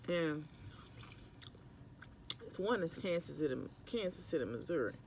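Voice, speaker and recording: A man's voice: a little high, animated, a little slow, a little mellow, a little hiss or hum. A middle-aged man, chatting casually and ramblingly to viewers while eating, sometimes with his mouth full. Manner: rambling, conversational. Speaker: mukbang vlogger. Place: at work on lunch break.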